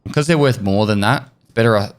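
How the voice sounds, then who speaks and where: A man's voice: lowish voice, fast. A man giving casual gameplay commentary as a streamer, explaining tips and swearing now and then. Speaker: gaming streamer. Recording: loud game noise under voice.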